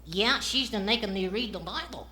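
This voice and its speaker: Squeaky little farm boy dummy, cheeky, kinda clueless, really bright and bouncy. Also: expressive, moderate pace, heavily acted. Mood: naive. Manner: cheeky, naive comic answers. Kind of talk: ventriloquist comedy routine.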